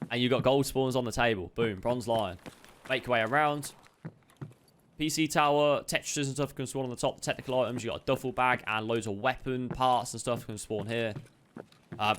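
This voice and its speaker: This streamer's loot guide comes in a medium-pitched, fairly bright voice over slight background noise. He narrates casually and upbeat, chatting with quick asides to viewers. A slight chestiness and occasional cough come through.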